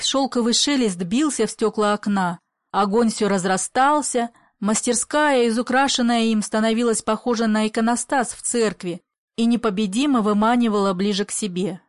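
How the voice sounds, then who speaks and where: A woman reading a classic story aloud in a measured, expressive storytelling voice. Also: a little high, no room sound, studio quality. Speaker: audiobook reader. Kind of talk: literary audiobook narration.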